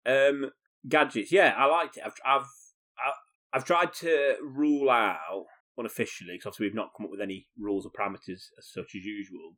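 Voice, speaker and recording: A man's voice: mid-range voice, brisk, a bit bright. A man co-hosting a casual podcast, playful and teasing, often hesitating with fillers as he talks. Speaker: podcast co-host. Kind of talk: casual chat.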